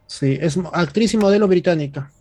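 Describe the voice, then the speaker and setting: A man's voice: high-pitched, fairly quick, darkish tone. A man in casual chat, chiming in with facts. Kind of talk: casual chat among friends.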